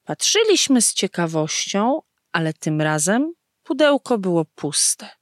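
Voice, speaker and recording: A woman reading a story aloud slowly and expressively, giving the characters' lines their own voices. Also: mid-range voice, sing-song, no room sound, studio quality. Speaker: narrator.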